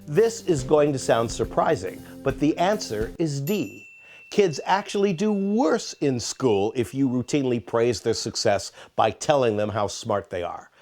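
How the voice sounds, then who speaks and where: A man's voice: medium pitch, expressive, a little slow, darkish tone, soft background music. A man narrating an educational parenting quiz, reading multiple-choice questions with playful emphasis. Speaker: author and narrator.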